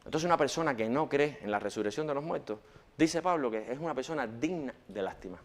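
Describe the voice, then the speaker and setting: A man preaching a sermon in church, swinging between loud rhetorical questions and hushed quotations. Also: medium pitch, animated, fast.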